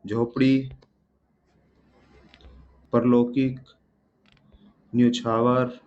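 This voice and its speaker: A man's voice: mid-range voice, little pitch movement, extremely slow. A man teaching a spelling lesson word by word, asking and answering his own questions and often checking with his students. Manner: repeats each word and checks with "ठीक है". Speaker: Hindi exam teacher. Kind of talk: spelling lesson walking through words. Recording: dull lo-fi audio with faint room noise.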